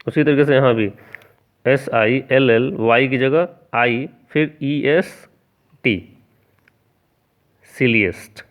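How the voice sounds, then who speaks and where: Man as a grammar teacher, slow and deliberate, smooth clear voice, tinny phone-like sound, spells words out and quizzes the class. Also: medium pitch. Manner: spells words out letter by letter and asks the class rhetorical questions.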